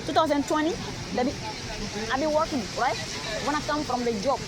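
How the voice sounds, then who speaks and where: High-pitched and a little fast, a woman from Mali tells a rambling personal story with crowd noise around her. As a street interviewee on a busy city street, she insistently repeats herself and keeps asking "all right?", and traffic and street noise fill the noisy recording.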